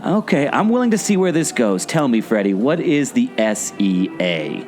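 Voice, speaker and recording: In a scripted audio play, a man who co-hosts a podcast and once worked as a theme park skipper plays a skeptical, puzzled sidekick with theatrical delivery. His mid-range voice swings widely in pitch, with a moderate pace and a darkish tone. Guitar music plays in the background.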